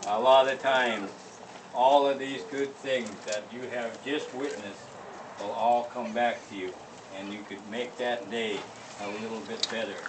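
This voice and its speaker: Older man, elder telling a story, emphatic storyteller delivery, medium pitch, distant mic, clearly noisy surroundings. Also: fairly even intonation, measured pace. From Northern California. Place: living history school gathering, plank house.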